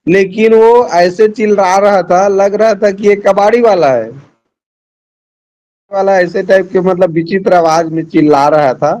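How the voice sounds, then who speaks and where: Over a call, a middle-aged man teaches a Hindi class, patiently going through the answer options one by one. His voice sits high and is a little mellow, and the audio is dull.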